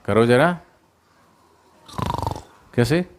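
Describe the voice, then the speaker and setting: Slow, animated male storyteller. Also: mid-range voice, smooth. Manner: animated, quizzes the listeners and coaxes them to join in. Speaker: spiritual storyteller for students. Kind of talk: storytelling sermon to children.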